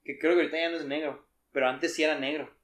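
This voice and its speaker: Young Mexican co-host, fast jokey slang, a bit high-pitched, echoey. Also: male voice, steady tone, fairly bright tone. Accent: Mexican Spanish. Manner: joking, slangy, mimics voices. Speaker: podcast co-host. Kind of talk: casual chat.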